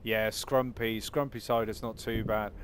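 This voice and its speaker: A man with a Cornish accent and a fairly low voice chats casually over gameplay. He rambles in an easygoing way and often repeats his words. Vehicle noise is clearly audible behind him. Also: little pitch movement, measured pace. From Cornwall, southwest England. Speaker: game livestreamer chatting with viewers.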